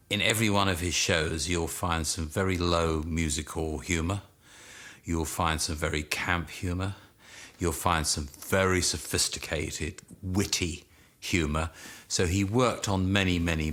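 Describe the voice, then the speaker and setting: A man's voice: low-pitched, fairly even intonation, unhurried, fairly bright tone. A man interviewed for a documentary, emphatic, with many fillers. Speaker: commentator.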